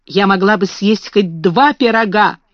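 A woman's voice: mid-range voice, measured pace, no echo, natural voice. A woman voicing a poor, downtrodden servant girl who speaks in despair, on a dull recording. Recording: dull, slightly muffled recording.

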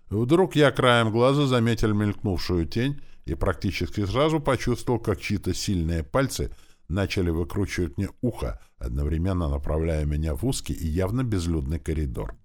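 A man narrating a first-person fantasy audiobook in an expressive, animated reading. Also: deep voice, moderate pace.

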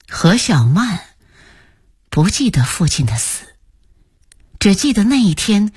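A woman narrating a story for radio in a slow, hushed reading that often sinks to a whisper. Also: on the low side, slightly rough, dry recording, clean studio sound.

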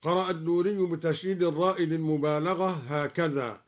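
A man explaining recitation variants in a measured voice, then chanting the verses in a slow, melodic, drawn-out style for a radio broadcast. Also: fairly high pitch, steady tone. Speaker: Quran recitation teacher. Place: radio studio.

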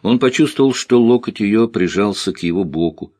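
A man's voice: on the low side, moderate pace, no room sound, clean studio sound. A man narrating a novel as an audiobook, reading expressively and voicing the characters. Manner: expressive, voices each character. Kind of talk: scripted literary narration.

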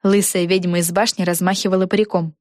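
A woman narrating a children's book in an even storytelling manner. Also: lowish voice, fast talker, no room sound, studio quality. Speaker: audiobook narrator.

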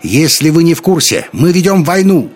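A man with a husky voice reading an audiobook, voicing a stern, exasperated woman officer who barks commands. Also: on the high side, very animated, normal speed, voice pushed up. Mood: shouting. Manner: barked commands over a crowd.

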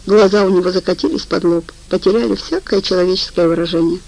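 Woman, audiobook reader, scripted narration, calm, even. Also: lowish voice, quick pace, gravelly, rough recording.

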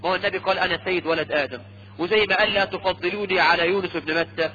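Lively high-voiced Egyptian preacher. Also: male voice, racing. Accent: Egyptian Arabic. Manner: lively, teasing, asks the audience "ha?". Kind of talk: lecture sermon. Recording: dull lo-fi lecture tape with faint hum.

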